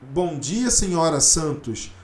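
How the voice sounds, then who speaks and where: A man with a Brazilian Portuguese accent gives an English lesson, patiently repeating examples slowly and often asking a quick tag question. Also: on the high side, sing-song, a little mellow, reverberant. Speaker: English teacher. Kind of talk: explanatory online lesson.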